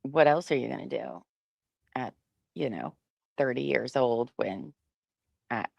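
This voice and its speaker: A woman's voice: extremely low pitch, animated, unhurried, creaky, no echo, highs cut off. A woman co-hosting a casual chat, thinking aloud with frequent fillers. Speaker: co-host.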